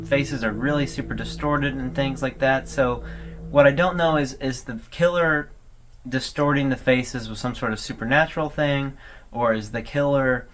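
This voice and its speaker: Hosting a video that analyzes a horror series, this man speaks in a mid-range, fairly bright voice. His commentary is laid-back and conversational, dotted with hesitations and offhand asides.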